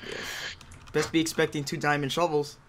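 A man's voice: on the high side, little pitch movement, normal speed. A young man chatting casually over a game as a hyped gamer bro, joking and teasing his friends. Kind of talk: casual gameplay chat. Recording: noisy mic with keyboard clicks.

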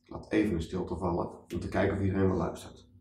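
A man, a children's author, reading a children's story aloud as a lively storyteller. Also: low voice, quick pace, gravelly, slight background noise. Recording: echoey room, mic at a distance.

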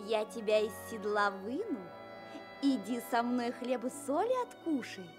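An alluring maiden in a Russian fairy tale radio play. She coaxes and commands in a high, lilting voice, over clearly audible music. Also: expressive, unhurried. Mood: coaxing, alluring. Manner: coaxing, theatrical.

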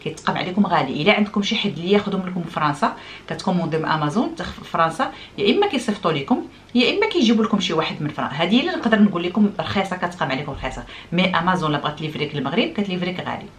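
A woman's voice: fairly low pitch, expressive, rapid-fire, slight background noise. A middle-aged woman with a Moroccan accent, chatting casually to her viewers, explaining and demonstrating things with French words mixed in. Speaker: vlogger.

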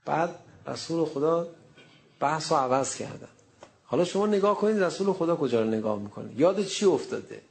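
A male preacher giving a sermon, telling a story in an animated way and acting out the quoted speech. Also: on the high side, gravelly.

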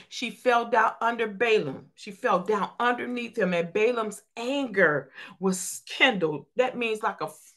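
Bright-voiced woman preaching a sermon. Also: medium pitch. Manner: reads scripture aloud and explains it in plain talk; calls out to the congregation. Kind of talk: church sermon.

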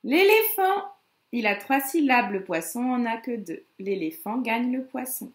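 Une enseignante qui parle à de jeunes enfants et scande lentement les syllabes des mots avec une intonation chantante. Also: female voice, on the high side, reverberant. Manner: slow, syllable-by-syllable counting with sing-song emphasis. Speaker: kindergarten teacher. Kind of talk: teaching young children.

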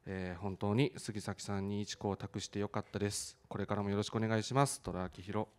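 A film director on a theater stage, reading a heartfelt letter aloud in an earnest, measured and slightly halting way. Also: male voice, fairly low pitch, little pitch movement, slight background noise.

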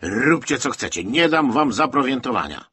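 A man voicing an irritable, harried army lieutenant colonel in an audiobook who shouts in a high, strained voice. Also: sing-song, slow pace, slightly rough, no echo, full character voice. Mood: defiant.

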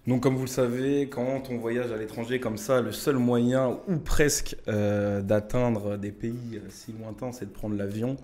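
A man's voice: mid-range voice, fairly even intonation, unhurried, hardly any pauses, darkish tone, soft background music. A young man casually telling travel anecdotes to camera, chatty and full of fillers, speaking straight to his viewers. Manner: chatty, many fillers, addresses viewers directly.

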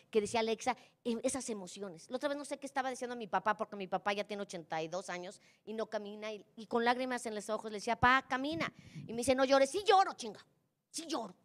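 A middle-aged Mexican woman, speaking somewhat high, gives a motivational talk to a live audience. She is colloquial and lively and teases the listeners with direct questions. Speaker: conference speaker.

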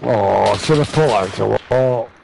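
A man's voice: lowish voice, moderate pace, gravelly, noisy background. A man chatting over a headset as a teammate in a game, laid back and sweary. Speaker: gaming teammate. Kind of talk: casual gaming party chat.

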